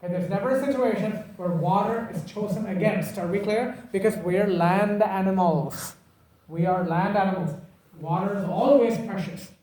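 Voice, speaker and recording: High-pitched guy teaching a class, keeps repeating stuff and teasing students, sounds distant and roomy. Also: moderate pace, crowd noise. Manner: emphatic, repetitive, teasing. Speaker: lecturer. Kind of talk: classroom lecture. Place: lecture room. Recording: echoey room from far off.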